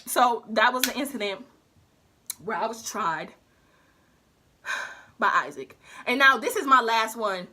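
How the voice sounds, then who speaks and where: Lively bright-voiced young woman storyteller. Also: a little high, takes it slowly, long pauses. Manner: animated, slangy storytelling with acted quotes. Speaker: beauty vlogger. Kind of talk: storytime while doing makeup.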